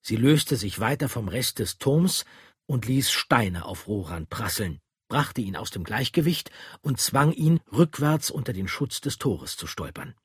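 A man narrating a fantasy audiobook dramatically, dropping to a hush and slowing down at tense moments. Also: medium pitch, very animated, husky, no room sound, clean studio sound.

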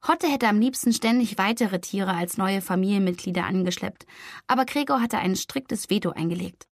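A woman reading a novel aloud in calm, measured scripted narration. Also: medium pitch, dry recording, studio quality. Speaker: audiobook narrator.

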